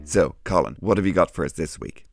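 A man's voice: low voice, a little fast, creaky, over music. A man hosting a scripted educational Bible show, explaining things in an encouraging way. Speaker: host.

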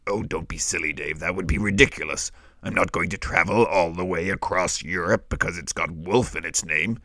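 A man voicing a laid-back, deadpan male wolf who tells jokes. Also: low-pitched, moderate pace, no echo, full character voice. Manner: dry, deadpan, easygoing.

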